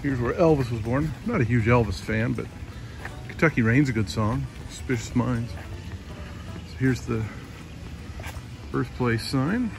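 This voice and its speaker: A man's voice: medium pitch, measured pace, gravelly, pauses often, over music, low-quality recording. A middle-aged man vlogging a road trip, talking casually and rambling to a phone held at arm's length outdoors. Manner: chatty, rambling, self-talk with fillers. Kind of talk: casual travel vlog. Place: outdoors by a hotel parking lot. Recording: loud outdoor traffic and wind noise.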